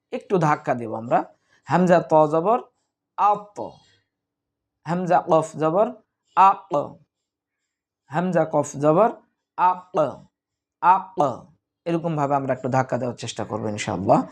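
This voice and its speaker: A man teaching Quran reading, spelling out letters and repeating each syllable slowly in a calm, instructive way. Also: on the high side. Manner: calm instructive tone, addresses students as dear friends. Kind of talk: slow recitation lesson.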